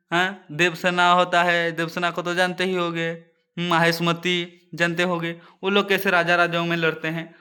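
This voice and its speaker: A man's voice: high voice, bright, forceful tone, clean tone. A male teacher reading a children's story aloud and explaining the meanings of words, often addressing the children directly.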